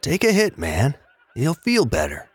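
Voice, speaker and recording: An actor playing a laid-back stoner roommate who talks in an unbothered, drawling slacker way. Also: male voice, mid-range voice, huge pitch swings, unhurried, husky, dry recording, full character voice. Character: laid-back stoner male roommate, easygoing and munchie-minded. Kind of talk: audio drama acting.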